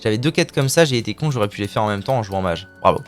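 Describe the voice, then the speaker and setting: Lively guy streaming card games, goofy sound effects, cheeky trash talk, faint music under him. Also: lowish voice, racing. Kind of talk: live gameplay commentary.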